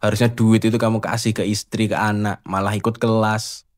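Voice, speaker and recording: A man's voice: lowish voice, level tone, fairly quick. A man hosting a casual spiritual monologue, teasing and rhetorical as he challenges the listener. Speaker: host.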